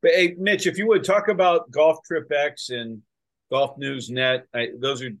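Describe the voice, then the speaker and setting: A man hosting a golf podcast, chatting excitedly and restarting his sentences often. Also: a little high, measured pace. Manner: excited, talks in bursts with many restarts. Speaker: podcast host. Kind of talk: casual chat.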